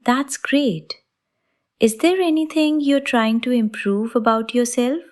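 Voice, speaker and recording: A woman voicing a friendly young woman who asks upbeat questions in a slow café conversation. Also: fairly high pitch, pitched above the performer's own voice, natural voice.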